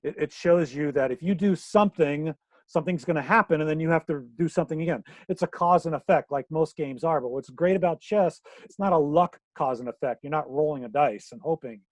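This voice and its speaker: A man's voice: fairly high pitch, a little fast, no echo. Jokey older man teaching chess. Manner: jokey, upbeat, teasing riddles. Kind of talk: online workshop presentation. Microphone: video call.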